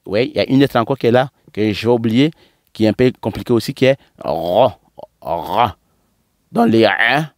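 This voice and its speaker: A man's voice: medium pitch, no room sound, clean studio sound. A man teaching pronunciation, drawing out and repeating syllables one by one in a patient lesson. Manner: slow, drawn-out syllable drills, repeating words. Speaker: Quran teacher.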